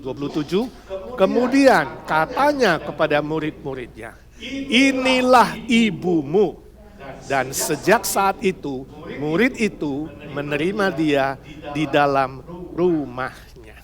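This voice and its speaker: A male pastor with an Indonesian accent giving a humorous, animated sermon, laughing along with his congregation and acting out the voices in his story. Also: on the high side, takes it slowly, crowd noise. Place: church hall with congregation.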